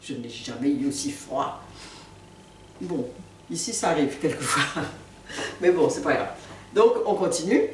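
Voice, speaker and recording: A woman giving a relaxed spoken language lesson, repeating each new word slowly and patiently. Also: deep voice, very noisy. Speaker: language teacher. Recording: echoey room, mic at a distance.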